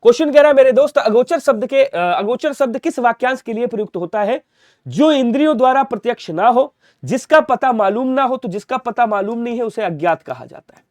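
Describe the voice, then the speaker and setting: A young man with a high, bright-sounding voice runs a rapid-fire Hindi grammar drill. He repeats each word, asks the class a question and then answers it himself. The recording is dry and close, with no room sound. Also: lively intonation, dry recording. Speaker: online exam-prep Hindi teacher.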